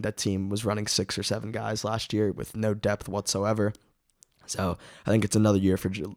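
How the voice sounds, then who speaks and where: A man hosting a casual sports preview podcast, his voice raspy as he is under the weather with a cough. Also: lowish voice, a little mellow, no room sound, studio quality.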